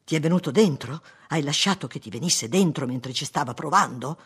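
Imagine a man doing a betrayed husband in a spoken storybook, shouting in fury, his husky voice pushed loud and high. He hurls every word as an accusation. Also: lively intonation, a little fast, full character voice. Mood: furious. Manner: shouting, furious.

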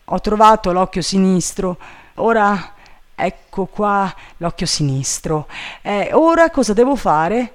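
A man plays an eager, simple-minded male servant calling down from a tree. The voice is high, drawling and plaintive, delivered in an animated way at a slow pace.

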